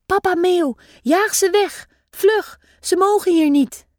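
A woman's voice: extremely high pitch, slow pace, a little mellow, no room sound, studio quality, pitched above the performer's own voice. A woman voicing a bold, bossy little girl who plays a mother gull and gives urgent, commanding orders.

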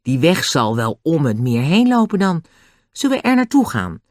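A bold, eager tomboy girl from a children's storybook, as the reader puts her on. She sounds raised and bouncy, with her pitch swinging widely. The sound is dry and close. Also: sing-song, moderate pace, darkish tone, no room sound, close to an everyday voice.

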